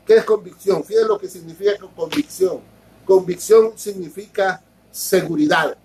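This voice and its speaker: A man's voice: high voice, moderate pace, a little mellow, slight background noise, rough recording. A man preaching a sermon as pastor, explaining step by step, repeating words and often asking his listeners if they follow.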